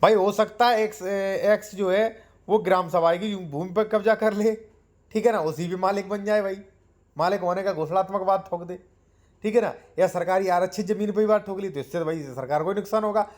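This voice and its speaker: Man slowly explaining land law. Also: high voice. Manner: explains step by step, addressing viewers as friends, reads out legal clauses slowly. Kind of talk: explanatory legal lesson to viewers.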